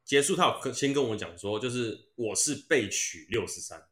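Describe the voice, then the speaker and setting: A man's voice: mid-range voice, lively intonation, fairly quick. A young man with a Taiwanese Mandarin accent, casually telling self-mocking stories, swearing freely and laughing as he talks. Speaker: podcast co-host. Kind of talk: casual storytelling chat. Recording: roomy echoey room.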